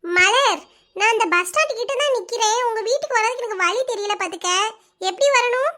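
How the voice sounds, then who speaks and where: Eager young makeup artist, cartoon, high and bright, voiced by a woman. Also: animated, brisk, full character voice. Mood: friendly. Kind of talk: cartoon voice acting.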